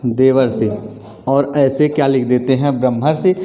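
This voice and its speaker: Teacher with a mellow voice. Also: male voice, medium pitch, steady tone, moderate pace. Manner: calls students friends and sister, asks and repeats answers. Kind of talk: classroom grammar lesson. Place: classroom.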